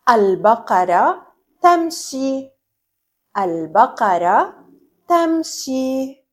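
A young woman leads a lesson for small children in a sing-song manner. Her voice sits high and swoops widely as she imitates farm animals. She speaks slowly and deliberately, stretching out her words. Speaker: children's teacher.

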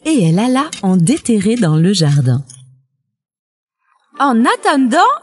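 Expressive, husky woman reading a storybook. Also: mid-range voice. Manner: expressive and unhurried.

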